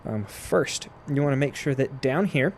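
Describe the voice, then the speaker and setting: A man with a mid-pitched voice walks through a flight sim procedure as he plays. He explains each step casually, in the way of a tutorial. Aircraft simulator noise sits faintly to clearly behind his voice. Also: animated, moderate pace. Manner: explains step by step while playing. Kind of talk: casual instructional gameplay commentary.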